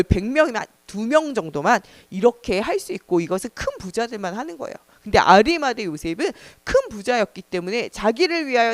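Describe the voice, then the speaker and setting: Animated woman pastor telling children a story. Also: on the high side, no room sound. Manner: animated, asks children questions, gasps for drama. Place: church.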